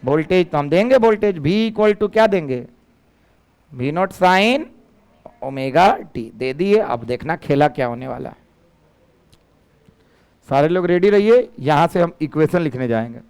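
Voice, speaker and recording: A man's voice: a little high, animated, unhurried, pauses often, a little mellow, clear, resonant tone. A male physics teacher, giving a lecture and coaxing students to call out answers. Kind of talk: classroom lecture.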